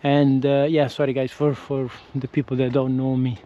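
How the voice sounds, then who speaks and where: An Italian-accented man, not a native English speaker, vlogs casually as he walks outside, hesitating and repeatedly restarting and correcting himself. His medium-pitched, warm voice shows little pitch movement at a moderate pace. The lo-fi audio comes from an action camera with a windscreen.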